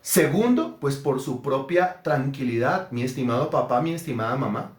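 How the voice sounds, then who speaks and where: A man preaching a sermon in an emphatic way, briefly acting out parents and children in quick put-on voices. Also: medium pitch, expressive, reverberant. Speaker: pastor.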